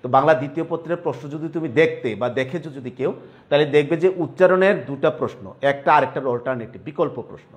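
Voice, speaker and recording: A male college Bengali teacher delivers a classroom grammar lecture in a slightly high voice at a quick pace. His manner is explanatory, and he often asks "clear?" to make sure students are following.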